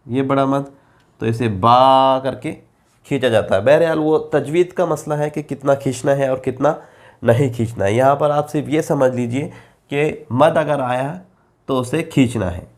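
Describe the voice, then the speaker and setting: Male Quran reading teacher, Urdu accent, very slow and patient, stretches sounds for pupils. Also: mid-range voice. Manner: drawls example syllables slowly and at length. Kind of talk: slow explanatory lesson.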